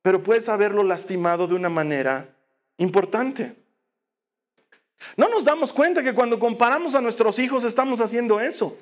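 A man's voice: high voice, expressive, moderate pace. A middle-aged man, a pastor, preaching a sermon in an earnest way and firing rhetorical questions at his listeners.

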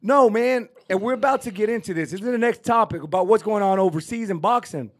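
He's a fast talker with a high voice and a Texan accent, co-hosting a casual boxing podcast. The debate gets heated as he argues emphatically, ranting and hammering the same points.

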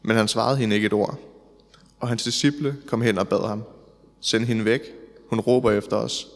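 A man reading psalms and gospel aloud in a church service, in a measured, solemn way. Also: on the low side, fairly even intonation. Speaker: scripture reader in church service. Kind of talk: liturgical scripture reading. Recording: long church reverb.

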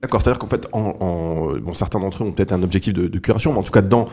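A man's voice: deep voice, quick pace, dark tone. A man hosting an audio podcast interview, guiding guests with questions and often repeating words as he searches for them. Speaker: podcast host. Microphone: audio podcast microphone.

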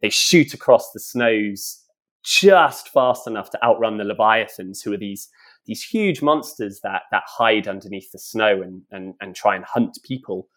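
A man's voice: fairly low pitch, animated, measured pace, fairly bright tone. A man, a children's author who chats in a podcast interview, laughs often, and reads his book aloud with drama.

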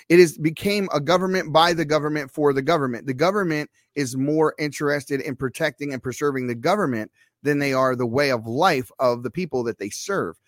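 Podcast host guy, mid pitch, dry close mic, pretty opinionated. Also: no room sound. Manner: opinionated, earnest. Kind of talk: interview conversation.

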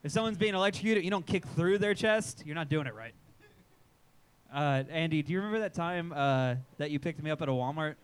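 A man's voice: on the high side, a little fast, smooth. A man co-hosting a podcast in casual chat, telling a profane story and acting out his own reactions. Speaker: podcast co-host. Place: live show at a sports bar.

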